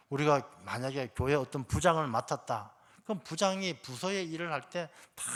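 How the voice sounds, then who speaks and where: A man's voice: on the high side, a bit bright. A male pastor preaching a sermon in a conversational, emphatic way, speaking straight to the congregation and repeating his key points. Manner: conversational, addresses the congregation directly.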